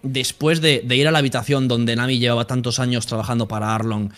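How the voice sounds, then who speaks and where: Young man, rapid talk, crude and emphatic, casual chat. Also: medium pitch, steady tone, a bit bright. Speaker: guest streamer.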